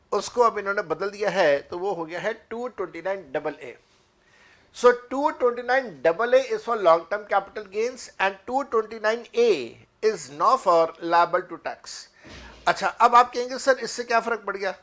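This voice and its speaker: A man with an Indian accent giving an exam prep lecture on tax, mixing Hindi and English. He reads legal text out slowly and fills pauses with hesitant sounds. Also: high-pitched, fairly bright tone. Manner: mixes Hindi and English, many filler pauses.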